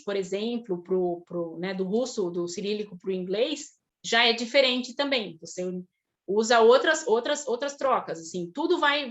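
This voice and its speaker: A woman with a Brazilian Portuguese accent, a guest speaker answering audience questions on a video call, talking in a thoughtful, halting way with many restarts. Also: on the high side, a bit bright. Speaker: guest speaker on Russian literature.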